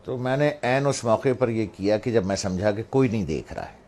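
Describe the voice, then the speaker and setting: A middle-aged Pakistani religious speaker with a lowish, slightly mellow voice tells a family anecdote in order to draw a moral from it. He acts out the voices of family members as he narrates, and there's a little background noise.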